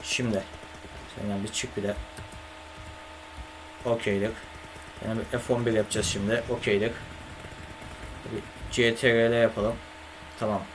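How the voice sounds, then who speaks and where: A man's voice: on the low side, little pitch movement, moderate pace, long pauses, noisy background. Man grumbling through a live gaming stream. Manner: swears and grumbles at the computer, talks to chat. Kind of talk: casual live-stream chat.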